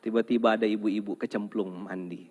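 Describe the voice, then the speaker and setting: A man's voice: lowish voice, fairly quick, husky. A man preaching a humorous sermon, joking and calling on the audience to respond. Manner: lively, jokes and calls on the audience to respond. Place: large hall with an audience. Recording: long hall reverb.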